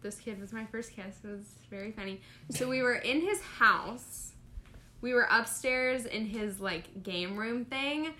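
A woman's voice: on the high side, measured pace, pushed and bright. A young woman in casual chat, telling a funny, embarrassing story. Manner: storytelling, laughing through embarrassment.

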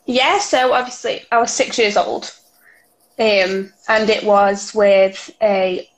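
A woman's voice: medium pitch, fairly even intonation, takes it slowly, poor audio. A young woman from Stoke-on-Trent with a local Stoke accent, talking informally as an interview guest about her own experiences. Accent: Stoke-on-Trent English. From Stoke-on-Trent, England. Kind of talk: personal conversation, recounting experiences.

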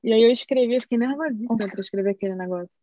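Chatty woman, higher voice. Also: rapid-fire, muffled recording. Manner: animated, rambling storyteller. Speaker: podcast co-host. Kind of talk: casual chat.

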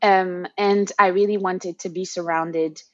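Young woman guest from Haiti, lowish voice, reflective, muffled dry recording. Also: steady tone, unhurried, fairly bright tone, no echo. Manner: thoughtful, with fillers and restarts. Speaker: podcast guest. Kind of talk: casual interview talk.

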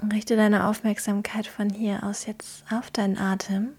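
Soft breathy woman, hushed spa-like near-whisper. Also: mid-range voice, little pitch movement. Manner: gentle, hushed, slow pauses between phrases. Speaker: podcast host guiding a meditation.

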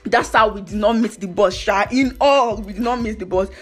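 A woman's voice: medium pitch, moderate pace, faint music behind. A young woman with a Nigerian accent casually telling anecdotes, expressively acting out what people said. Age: young adult. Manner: expressive, acts out quoted dialogue.

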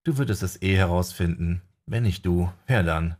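A man voicing a weary, guarded male magician in an audiobook, subdued and low-key. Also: moderate pace, darkish tone, husky.

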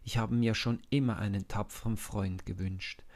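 A man voicing a loyal young prince who speaks gently and earnestly in a storybook reading. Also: lowish voice, steady tone, moderate pace, close to an everyday voice. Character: warm-hearted young prince, male, loyal friend.

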